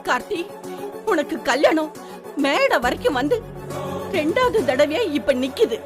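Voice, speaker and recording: An indignant middle-aged mother in a TV serial, scolding and lamenting. Her voice is high and swoops widely, over prominent music. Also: big pitch swings, unhurried. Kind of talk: TV serial acting. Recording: with loud background music.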